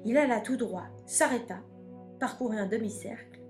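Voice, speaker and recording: Woman storyteller, fairly high voice, expressive measured read, faint music under. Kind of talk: storybook reading.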